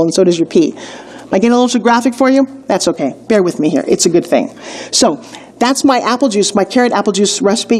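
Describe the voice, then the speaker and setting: A middle-aged woman with a fairly high voice, talking through a casual video lesson. She is chatty and playful and keeps up lively asides as she explains. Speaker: wellness instructor.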